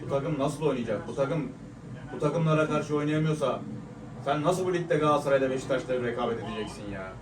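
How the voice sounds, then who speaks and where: A young man giving live reaction commentary on a match, frustrated and swearing as he shouts at the players. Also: medium pitch, fast talker, noisy background. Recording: echoey room, mic at a distance.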